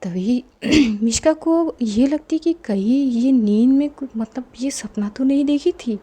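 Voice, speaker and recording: A woman narrating a spoken love story in a soft, half-whispered telling, and signing off to listeners. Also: sits high, slightly rough.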